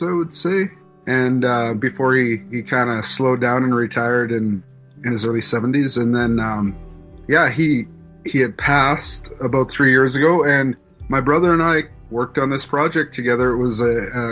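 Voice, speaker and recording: A man's voice: mid-range voice, fairly bright tone. A man in his forties from Canada, a musician talking thoughtfully about his late father in an interview. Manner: reflective, thoughtful, with restarts. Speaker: musician guest. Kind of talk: interview conversation.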